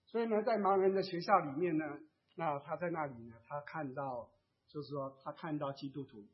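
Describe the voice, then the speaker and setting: A man preaching to his congregation, gently telling a story and acting out the remarks of the people in it. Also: a little high. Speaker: pastor. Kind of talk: sermon sharing a testimony. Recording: dull lo-fi sound.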